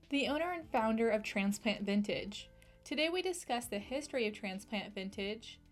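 College radio host, woman, slightly high pitch, reads a set intro with faint music. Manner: bright, reading a prepared intro.

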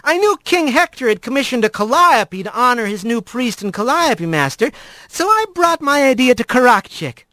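A man's voice: extremely high pitch, big pitch swings, moderate pace, sharp tone, no echo, voice pushed up, full character voice. A man doing a folksy female otter. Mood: earnest. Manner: folksy, earnest address.

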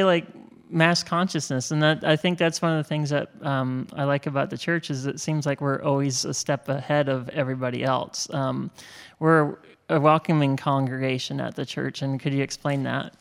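A man's voice: on the high side, a bit bright. A young man interviewing a guest in a casual, rambling way. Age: young adult. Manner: casual and rambling, many "like" fillers.

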